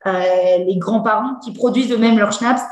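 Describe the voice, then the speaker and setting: A woman's voice: on the high side, steady tone, a little fast. Give me a woman teacher explaining a lesson with hesitant fillers, in a roomy space. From Alsace. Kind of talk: cultural presentation lesson.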